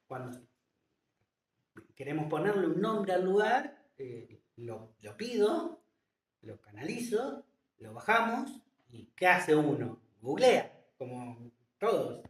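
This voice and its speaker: A man's voice: a little high, sing-song, slow pace. A man, a guest in a casual interview, who talks hesitantly with many fillers and restarts. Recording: echoey room, distant mic.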